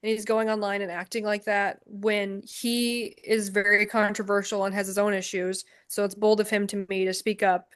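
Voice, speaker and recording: A woman's voice: mid-range voice, level tone, fairly bright tone, clean tone. A woman co-hosting a podcast in casual chat, sounding exasperated and critical. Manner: exasperated, critical, mimics in quick asides. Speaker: podcast co-host.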